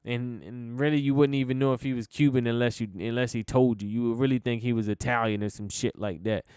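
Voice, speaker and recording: A man's voice: medium pitch, fairly even intonation, fast talker, darkish tone, clean tone, no room sound, clean studio sound. A young American man hosting a casual solo podcast, rambling and laid-back with many fillers and restarts, swearing casually. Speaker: podcast host.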